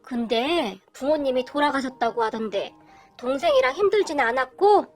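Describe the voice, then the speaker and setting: A woman voicing a kindly older father-in-law who gruffly scolds his family. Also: sits high, lively intonation, normal speed, faint music behind. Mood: gentle.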